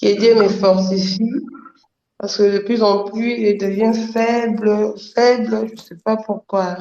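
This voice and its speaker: A woman calling in to a live prayer broadcast to ask for prayer. She speaks softly and hesitantly over a remote line and repeats her words. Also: mid-range voice, steady tone, slow. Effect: call-in voice over a remote line. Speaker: caller asking for prayer. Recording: dull roomy call-in line with faint noise.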